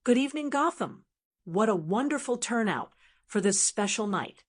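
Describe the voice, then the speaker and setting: A woman voicing a slick male businessman giving a public speech with practiced warmth. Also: fairly high pitch, animated, normal speed. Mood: oratorical. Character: smooth, lying male businessman making a speech.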